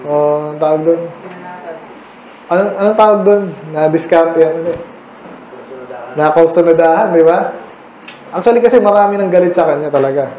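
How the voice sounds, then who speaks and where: A man's voice: on the high side, normal speed, long pauses, muffled recording. A man with a Filipino accent preaching a midweek Bible study sermon, chatting with the congregation and often asking them questions. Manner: conversational, mixing English into Tagalog, asking the congregation questions. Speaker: pastor. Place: church hall. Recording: echoey room with faint ambient noise.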